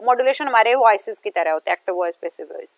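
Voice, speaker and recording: A woman teacher with an Indian accent, explaining step by step in a lecture that mixes Hindi and English and slowing down whenever she reads English lines aloud. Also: medium pitch, expressive, no echo. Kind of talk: exam-prep lecture mixing Hindi and English.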